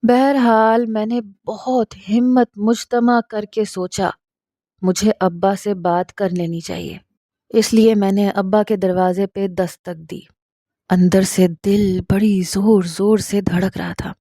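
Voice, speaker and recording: A woman narrating a first-person love story in a calm, measured way. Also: mid-range voice, no echo, clean studio sound.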